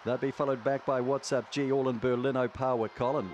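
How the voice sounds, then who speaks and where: A man's voice: mid-range voice, little pitch movement, brisk, darkish tone, lo-fi sound, faint music behind. A man with a broad New Zealand accent calling a greyhound race in live commentary.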